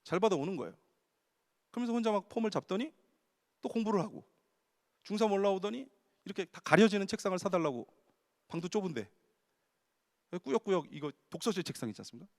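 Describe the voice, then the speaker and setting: A man's voice: sits high, expressive, fast, pauses often, a little mellow. A man in his forties, a pastor preaching to his congregation and telling funny family stories. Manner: humorous anecdotal storytelling to the congregation. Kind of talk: sermon at a Friday prayer meeting. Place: large church sanctuary. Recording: long hall reverb from the sanctuary.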